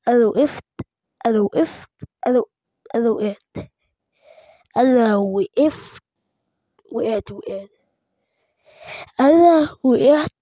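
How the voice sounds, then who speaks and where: Egyptian woman, gaming commentary, higher voice, mellow tone, excitable, repeats words in bursts. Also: no room sound. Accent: Egyptian Arabic. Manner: excitable, chanting repeated words while playing. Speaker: gaming YouTuber. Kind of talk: let's-play gameplay commentary.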